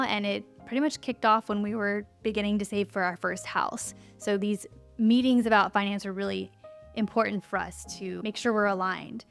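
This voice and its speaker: A woman's voice: medium pitch, gravelly. Chatty woman vlogger, a little breathless. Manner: friendly, chatty, laughs often. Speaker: lifestyle YouTuber. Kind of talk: cozy sit-down vlog chat.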